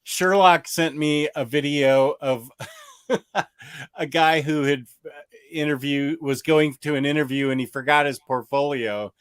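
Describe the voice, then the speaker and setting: A man's voice: fairly high pitch, steady tone, a little slow, a bit bright, clear, resonant tone, no room sound, clean studio sound. A middle-aged American man hosting a casual comics chat, rambling with restarts and frequent chuckles as he reads viewer questions. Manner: rambling, self-interrupting, chuckles often. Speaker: comics channel host.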